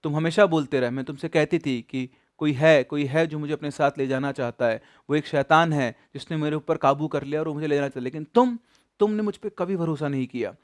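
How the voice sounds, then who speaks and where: A man voicing the ghost of a dead young wife, speaking low and quiet in his own voice. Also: a little fast, close to an everyday voice. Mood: cold accusing.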